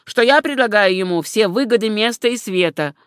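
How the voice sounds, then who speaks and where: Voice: medium pitch, lively intonation, moderate pace, a bit bright, clear, resonant tone, dry recording, studio quality, lightly acted. An audiobook narrator voicing an imperious, impatient medieval knight lord in a storybook. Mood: commanding. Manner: imperious, disdainful.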